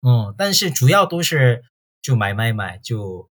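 A man from South Korea speaking Mandarin as a foreigner with a Korean accent, answering interview questions casually in halting, simple phrases as a tour guide. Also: mid-range voice, sing-song, fairly bright tone.

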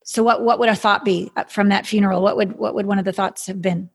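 Breathy, airy woman guiding like a mystical healer. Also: mid-range voice, fairly even intonation. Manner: mystical healer manner, slow soothing incantatory prompts. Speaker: guide leading an emotional healing exercise. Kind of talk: guided meditation coaching, conversational.

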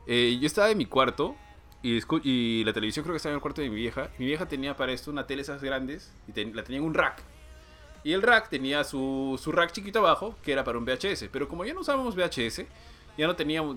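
A young Peruvian man tells a story fast and with great animation, his somewhat high pitch swinging widely as he acts out the moments. His tone is bright and his speech runs quickly. Faint music sits behind him. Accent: Peruvian Spanish. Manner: animated, dramatic retelling. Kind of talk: casual chat, storytelling.

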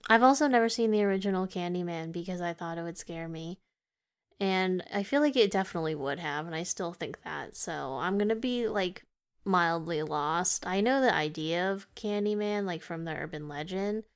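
A woman's voice: lowish voice, moderate pace, clean tone. A woman co-hosting a casual movie podcast, laid-back and teasing, often trailing off. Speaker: podcast co-host.

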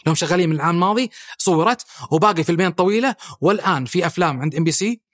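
Fast-talking Saudi man, crisp dry sound. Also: sits high, animated, fairly bright tone, no echo. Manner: fluent with frequent "aah" fillers and restarts, listing points. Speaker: guest, head of a national film body. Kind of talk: podcast interview, explanatory.

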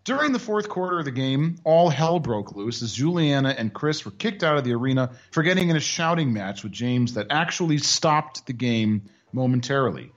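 A man's voice: medium pitch, lively intonation, moderate pace, hardly any pauses. A man hosting a commentary show, narrating with dry, mocking asides. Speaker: commentary host. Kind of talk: sarcastic commentary. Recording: dull lo-fi audio.

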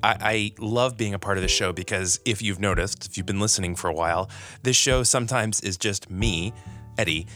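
Earnest low-voiced male podcast host. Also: a little fast, pushed and bright, faint music behind. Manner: earnest, enthusiastic, frequent restarts and laughs. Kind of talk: podcast interview.

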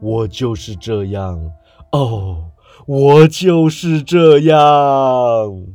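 A sorrowful chained ghost in a storybook tale, as a man reads him aloud, dragging out every word in a low, solemn voice. His lament moves slowly and heavily. Faint music plays underneath. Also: lively intonation, a little mellow, no echo. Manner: slow, drawn-out, heavy delivery. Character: grieving chained male ghost, solemn and slow.

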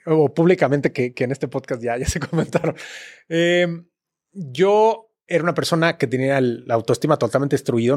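A man's voice: medium pitch, darkish tone, no echo, clean studio sound. A man with a Mexican Spanish accent, a podcast guest telling a personal story in a casual, slangy, emotional way. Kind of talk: candid storytelling.

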